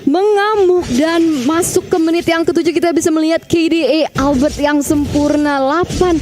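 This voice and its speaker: A woman with an Indonesian accent co-casting a live game in a colloquial, expressive way, mixing in English words. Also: very high-pitched, normal speed. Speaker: esports co-caster. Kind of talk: casual live game commentary. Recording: clear background noise, event ambience.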